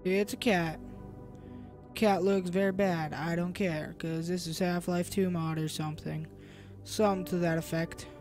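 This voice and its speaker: A woman hosting a gaming video, giving rambling, excitable let's play commentary. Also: lowish voice, measured pace, faint music behind.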